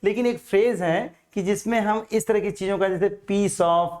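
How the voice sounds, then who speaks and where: A man's voice: sits high, steady tone, a little fast, a little mellow. Male teacher giving an exam-prep grammar lecture. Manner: patient, repeats points, asks and answers his own questions.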